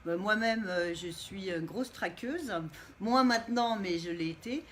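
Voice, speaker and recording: A middle-aged woman with a mid-range voice speaks unhurriedly as a guest coach in a casual live stream. She is from Montréal, Canada, has Italian heritage, and comes across as expressive and playful, laughing easily. Faint background noise sits under the recording.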